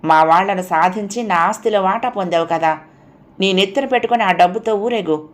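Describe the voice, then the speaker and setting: A woman's voice: medium pitch, a little fast, close to an everyday voice. A woman reading a bitter, reproachful husband. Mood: bitter, accusing. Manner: accusing, cutting. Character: bitter young husband reproaching his wife.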